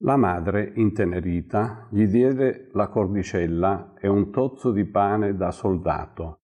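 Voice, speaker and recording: A man reads a story aloud in a measured, calm way. His voice is deep and husky, and he speaks at an unhurried pace. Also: muffled recording. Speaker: narrator. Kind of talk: storybook reading.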